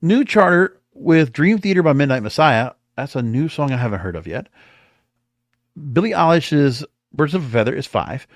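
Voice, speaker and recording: He's a podcast host with a fairly high voice that swings widely in pitch, talking at a normal speed with no room sound. His music chart commentary is casual and unscripted, full of thinking aloud while he reads the numbers.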